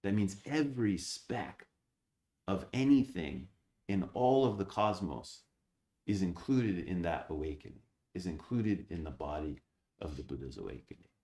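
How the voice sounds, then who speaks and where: A man, an abbot, giving a Zen Dharma talk, reading old texts slowly and then explaining them with rhetorical questions. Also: low voice, animated, mellow, roomy sound.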